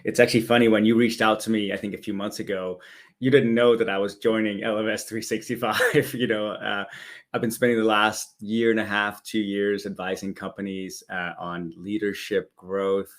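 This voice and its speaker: A man's voice: on the low side, level tone, moderate pace. A man in his forties from Denmark, a business executive telling his story as an interview guest with enthusiasm. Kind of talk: conversational interview answers.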